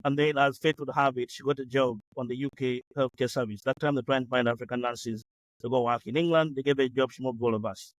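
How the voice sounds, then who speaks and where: Man, late 40s, from Uganda, interview guest, rapid speech, hesitant with fillers, dry close sound. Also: medium pitch, steady tone, no echo, rough recording. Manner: hesitant, many fillers and restarts. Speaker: guest entrepreneur. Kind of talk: conversational interview.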